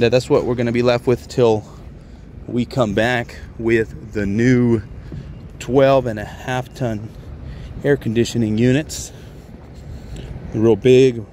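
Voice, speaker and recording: Standing outdoors on a commercial rooftop, a tradesman presents an HVAC job in an informal, plain-spoken, explanatory way. His voice is mid-range and darkish, recorded handheld with ambient noise around him.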